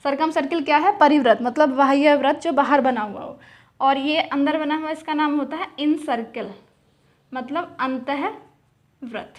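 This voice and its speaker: A woman's voice: sits high, moderate pace. A young woman teaching geometry, asking questions and answering them herself, repeating key terms in words. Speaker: math teacher. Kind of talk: explaining at a whiteboard.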